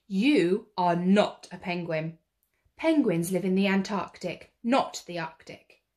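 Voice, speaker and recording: A woman's voice: lowish voice, slow pace, a little mellow. A woman playing an indignant television man in a children's storybook, scolding sternly and emphatically.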